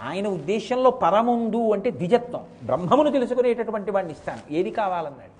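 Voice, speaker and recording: A middle-aged man giving a devotional storytelling discourse, slowly chanting verses between stretches of plain narration. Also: high-pitched, very animated, a little mellow. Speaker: religious discourse speaker.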